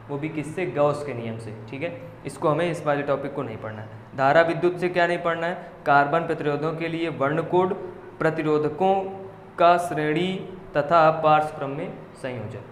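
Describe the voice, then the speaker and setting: A male coaching teacher steadily reading out a list of syllabus topics and checking in with his students as he goes. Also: fairly high pitch. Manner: steady listing with frequent "theek hai" check-ins. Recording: echoey room with faint noise.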